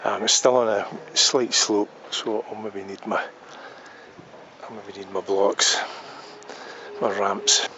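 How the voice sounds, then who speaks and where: A man's voice: on the low side, fairly even intonation, takes it slowly, sharp tone, slight background noise. A man narrating a casual travel vlog, musing aloud with frequent ums and restarts as he drives and walks around a town. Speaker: travel vlogger. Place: on the road and outdoors in a small town.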